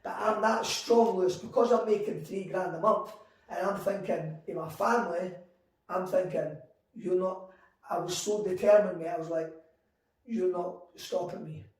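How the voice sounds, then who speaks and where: A man in his forties telling his story in an interview, animated and acting out quoted conversations. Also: high voice, moderate pace. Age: 40s. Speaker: guest entrepreneur. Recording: echoey room, mic at a distance.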